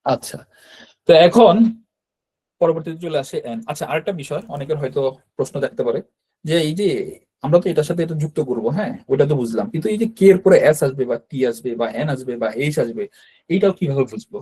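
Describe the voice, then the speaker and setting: Mellow-voiced man teaching an online class. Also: fairly high pitch, expressive, fast, slightly rough, low-quality recording. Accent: Bangladeshi Bengali. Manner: explanatory, checks in with frequent "right?". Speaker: Japanese language teacher.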